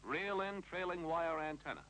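Speaking at a normal speed, an American man narrates a scripted 1950s training film in a clipped, authoritative manner. His voice is a little high and fairly bright, and the period soundtrack is noisy with hum.

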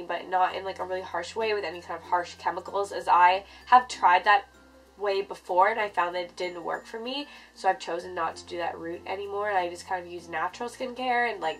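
A woman's voice: lowish voice, fairly bright tone, low-quality recording. A woman in her twenties with a stuffy nose from a cold, chatting casually to camera like a beauty vlogger. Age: 20s. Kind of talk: casual skincare vlog talk to camera. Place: furnished bedroom, indoors.

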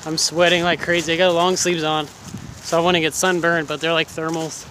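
This young man's voice is fairly high, level in tone, pushed and bright, at a normal speed. Out of breath, he rambles to his phone camera in a casual vlog while walking outdoors by a busy road, chatty and self-deprecating, with slight background noise.

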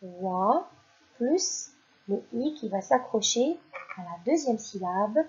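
Slow-speaking woman teaching children to read. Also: mid-range voice, expressive, a little mellow. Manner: slow, deliberate, sounding out syllables. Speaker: primary school teacher. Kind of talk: recorded reading lesson for children. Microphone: voice-over for slides. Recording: dull lo-fi recording.

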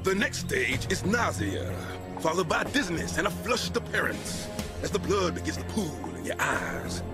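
A man's voice: high-pitched, very animated, moderate pace. A man voicing a big, stern drill sergeant in a cartoon, commanding and formal, with music behind him. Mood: menacing. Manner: commanding, clipped military formality. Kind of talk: animated cartoon acting. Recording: cartoon soundtrack with loud music.

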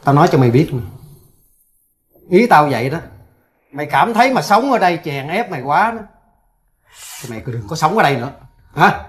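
A man's voice: on the high side, sing-song, a little fast, long pauses, slight background noise. Domineering old father-in-law. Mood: scolding. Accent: Southern Vietnamese. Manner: scolding, commanding. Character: angry domineering rural father-in-law, older man. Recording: roomy, distant mic.

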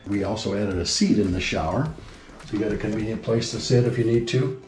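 A home builder leads a house tour, explaining the place in a matter-of-fact, informative manner. His voice sits on the low side, a little mellow, with a brisk pace. There's a roomy indoor echo, with background music playing behind him.

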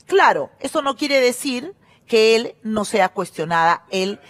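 Middle-aged woman hosting a gossip show, high and lively voice, scornful and emphatic. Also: unhurried. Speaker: TV show host.

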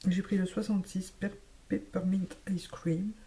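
At home in a lit room, a female beauty vlogger chats casually about the makeup she bought, half-whispering some words. She speaks at a normal speed with a medium-pitched, steady, mellow voice.

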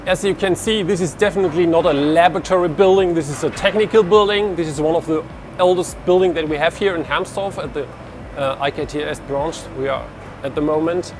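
A German researcher gives a walking lab tour of a large indoor industrial hall, talking into a lapel mic with a fairly high voice at a slightly fast pace. He explains with hand gestures and frequently restarts his sentences, with noise in the background.

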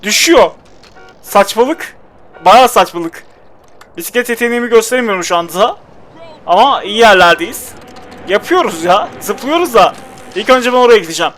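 High-voiced exasperated Turkish-speaking gamer. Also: male voice, lively intonation, normal speed, long pauses, a bit bright, soft background music. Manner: exasperated, talks to the game character. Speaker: gameplay commentator. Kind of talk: casual gameplay commentary.

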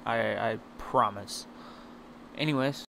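A man's voice: mid-range voice, takes it slowly, fairly bright tone, a little hiss or hum. Hesitant, apologetic male gaming host. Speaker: channel host. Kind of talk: spoken intro to a gaming video.

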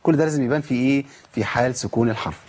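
Fast, husky Egyptian recitation teacher. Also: male voice, medium pitch, darkish tone. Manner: asks questions and answers them himself; demonstrates sounds by repeating them. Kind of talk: recitation rules lesson.

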